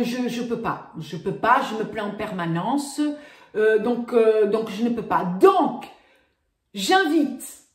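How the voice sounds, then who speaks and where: A woman's voice: a little high, a little mellow. A woman, ranting indignantly to her viewers in a casual vlog, often repeating "voilà". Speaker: vlogger. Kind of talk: casual rant to camera. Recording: roomy echo.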